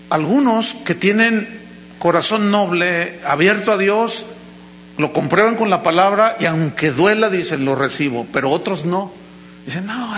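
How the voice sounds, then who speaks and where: High bright-voiced male preacher. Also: a little hiss or hum, rough recording. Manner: animated storytelling, acts out quoted voices. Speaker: pastor. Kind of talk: sermon.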